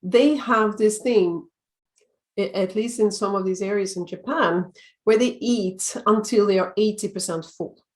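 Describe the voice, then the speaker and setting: A middle-aged woman from Sweden with a Swedish accent, giving calm, measured advice in a short video talk about healthy eating. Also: medium pitch. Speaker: time-management coach.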